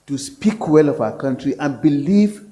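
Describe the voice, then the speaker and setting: A man's voice: on the high side, lively intonation, moderate pace, dark tone. A man from Nigeria, a professor speaking at a public forum, earnest and hesitant, with fillers and restarts. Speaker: professor, panel guest.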